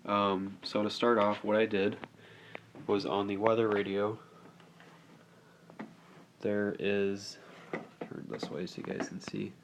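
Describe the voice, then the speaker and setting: At home indoors, a man with a fairly low, level voice gives an informal, unscripted how-to demonstration as a hobbyist video host. He speaks slowly and somewhat hesitantly, with long pauses, over faint background noise.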